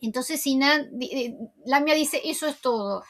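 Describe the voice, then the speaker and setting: High-voiced woman chatting through a recap. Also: moderate pace, fairly bright tone. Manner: chatty and conversational, with frequent "o sea" asides and side comments. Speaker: TV series recap host. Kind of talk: casual retelling of a TV episode.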